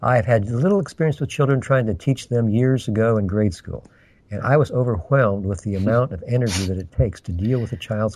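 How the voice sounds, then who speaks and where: A man co-hosting a podcast, speaking earnestly and sincerely in slow, deliberate phrases. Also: medium pitch, warm tone, husky. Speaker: podcast co-host. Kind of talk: casual podcast chat.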